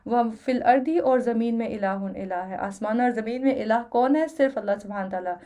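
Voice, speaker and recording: A woman giving a Quran lesson, reciting Arabic slowly and then explaining each phrase in Urdu with everyday examples. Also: a little high, dark tone. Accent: Pakistani Urdu. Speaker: Quran teacher. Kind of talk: word-by-word Quran translation lesson.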